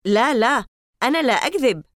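A woman voicing a mysterious boy at summer camp who gives calm, grave warnings. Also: on the low side, a little fast, no echo, clean studio sound. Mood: insistent.

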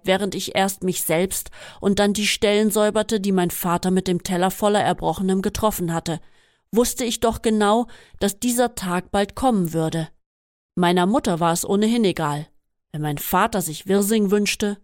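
A woman reading a first-person memoir aloud in a steady, measured way. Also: medium pitch, no room sound, studio quality. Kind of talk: scripted first-person narration.

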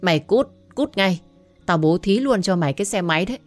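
A woman voicing a furious middle-aged mother who scolds in rapid, shouting bursts. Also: fairly low pitch, animated, faint music behind, natural voice.

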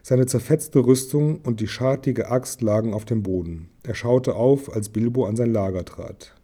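A man reading a novel aloud in a calm, even storytelling manner. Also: mid-range voice, normal speed, breathy edge. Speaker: audiobook reader.

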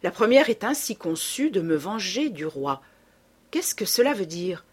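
A woman's voice: medium pitch, big pitch swings, unhurried, slightly rough. A woman doing a pedantic old scholar. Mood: puzzled.

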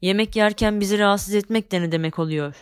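Woman voicing a loud, scornful devil chief. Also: medium pitch, very animated, a little fast, dry recording, studio quality, close to an everyday voice. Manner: loud, shouting, mocking. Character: boastful male devil chief, huge and fierce.

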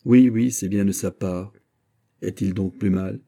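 A man's voice: low-pitched, fairly even intonation, vocal fry, mellow, full character voice. A man doing a polite young king. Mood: surprised. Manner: courteous, measured.

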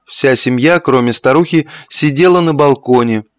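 A man reads a classic novel aloud in a steady, measured way, his voice sitting at an ordinary middle pitch. The recording is dry and close, with no room sound. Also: no room sound. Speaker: audiobook narrator. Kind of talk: literary audiobook reading.

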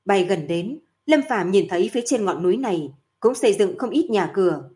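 A woman reads a fantasy novel aloud as an audiobook. Her delivery is steady and even, at an ordinary middle pitch for a woman. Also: fairly quick. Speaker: narrator.

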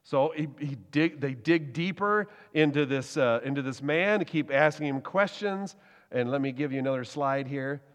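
A man preaches with animated storytelling and acts out the lines of the people in the story. His voice sits a bit high, and a long hall reverb trails behind it. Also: moderate pace. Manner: lively storytelling, animated with laughs and acted quotes. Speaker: pastor. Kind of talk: sermon.

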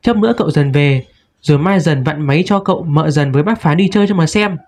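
A man's voice: fairly high pitch, fast, darkish tone. A man voicing a small, clingy little boy who pleads sweetly in a childlike way. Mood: coaxing. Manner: coaxing, childlike. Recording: dull lo-fi recording.

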